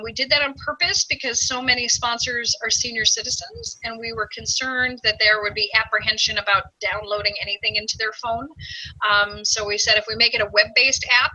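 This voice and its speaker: Youth minister, woman, webinar presenter; slightly high, husky, chatty delivery. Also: bright, forceful tone, low-quality recording. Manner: chatty, explanatory, frequent "um". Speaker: app creator and parish youth minister.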